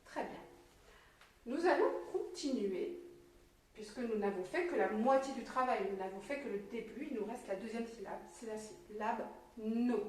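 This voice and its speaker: Patient woman teacher in an echoey room. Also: a little high. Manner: slow, encouraging, sounds out syllables. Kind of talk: patient early-literacy lesson. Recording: very echoey room, mic at a distance.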